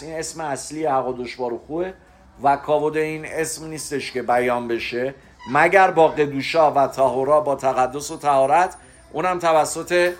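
A man with a somewhat high voice leads a religious lesson. He explains things patiently and step by step, pausing to stress the key terms. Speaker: religious teacher.

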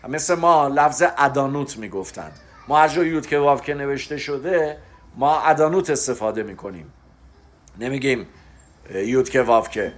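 A man with a somewhat high voice leads a religious lesson. He explains things patiently and step by step, pausing to stress the key terms. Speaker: religious teacher.

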